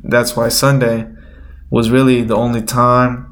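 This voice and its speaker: Male podcast host, nasal and a bit congested, flat intonation, gravelly creak, casual rambling. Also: medium pitch, measured pace. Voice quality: nasal, slightly stuffy-nosed. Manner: rambling, informal, thinking aloud. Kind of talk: unscripted casual chat.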